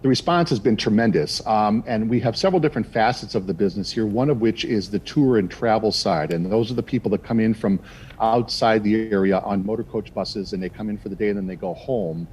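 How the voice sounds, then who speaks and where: Male theater executive being interviewed, lowish voice, hesitant, lots of fillers. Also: a little fast, darkish tone, slight background noise. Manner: hesitant, many fillers and restarts. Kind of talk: TV interview answers.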